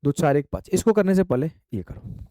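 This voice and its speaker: A man's voice: fairly high pitch, animated, fairly quick, mellow, no echo. A man teaching math in an online exam-prep lecture. He speaks straight to his students, asks them questions, and voices their answers back.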